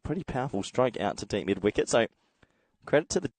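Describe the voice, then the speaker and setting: Croaky Australian cricket commentator, man. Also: mid-range voice, very animated, fast talker, a little mellow, no room sound. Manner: chatty, reads out viewer comments. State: slight head cold, croaky. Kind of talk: solo live sports commentary.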